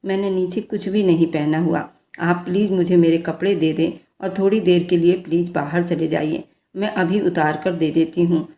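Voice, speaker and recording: A bashful young bride in a romance audio story, voiced by a woman narrator. She pleads softly in a low, dark-toned voice, and the recording has a roomy echo. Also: fairly even intonation, moderate pace, hardly any pauses, lightly acted. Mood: pleading. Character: shy, timid young bride.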